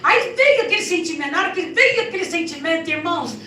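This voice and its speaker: A woman giving an emotional testimony in a church, telling her story in an animated way with frequent tag questions. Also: very high voice, quick pace, slight background noise. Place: church sanctuary. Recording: echoey church hall, distant mic, soft music.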